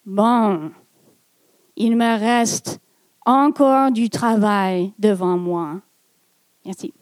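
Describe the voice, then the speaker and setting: A woman from Montreal telling a personal story on stage in a slow, deliberate, self-mocking way. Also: medium pitch, a little mellow, smooth. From Montreal, Quebec. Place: theatre stage.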